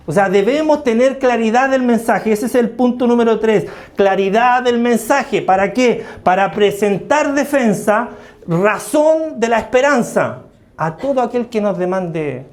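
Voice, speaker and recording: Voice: mid-range voice, a little mellow. A preacher delivering a sermon, repeating key phrases for emphasis and asking the congregation rhetorical questions. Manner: tells everyday stories with acted quotes.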